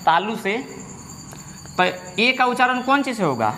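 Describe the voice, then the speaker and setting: A man teaching a grammar lesson, asking questions and then repeating each answer slowly for his students. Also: extremely high pitch, big pitch swings, pushed and bright, in a large hall, slight background noise.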